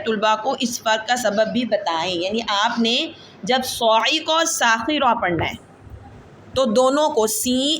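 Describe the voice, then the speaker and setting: High-voiced woman teaching Quran letters. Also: fairly bright tone, a little hiss or hum. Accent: Pakistani Urdu. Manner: patient, drills letters slowly and asks the class to repeat. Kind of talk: teaching reading aloud with recitation drills.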